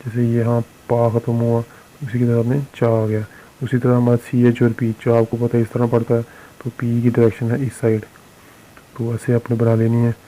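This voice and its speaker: Male teacher with an Indian accent, monotone and mellow-toned, slow and repetitive board-lesson delivery. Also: mid-range voice, a little hiss or hum, rough recording. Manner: slow, repetitive explanation with frequent fillers. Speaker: shorthand teacher. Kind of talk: recorded lesson explaining on a board.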